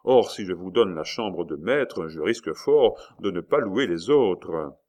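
A man reading aloud and voicing an insolent, cool-headed innkeeper who mocks his guests slowly. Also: sits low, expressive. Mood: mocking. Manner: phlegmatic, slow, mocking.

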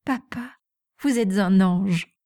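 A woman voicing a spirited, impulsive young girl in an audiobook, eager and quick to take offense. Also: medium pitch, warm tone, natural voice.

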